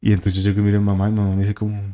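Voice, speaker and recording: A man's voice: on the low side, completely flat delivery, rapid-fire, mellow. A man, a guest telling a vivid story and acting out the voices and sounds in it. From Colombia. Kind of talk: casual storytelling of a paranormal experience.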